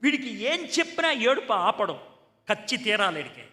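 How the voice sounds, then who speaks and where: A male preacher with a high, bright voice delivers a storytelling sermon and acts out the conversations in it. His voice rings through a large echoey hall, and soft music plays underneath. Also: moderate pace. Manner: animated, acts out dialogue in a conversational tone.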